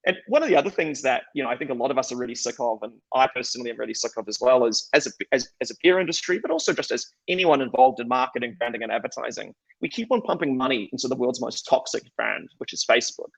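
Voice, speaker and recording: A middle-aged New Zealand man gives a conference presentation in a conversational, self-deprecating style, often restarting his sentences. His medium-pitched voice is animated, fast and creaky with a breathy edge and few pauses. The recording is dry and the audio poor.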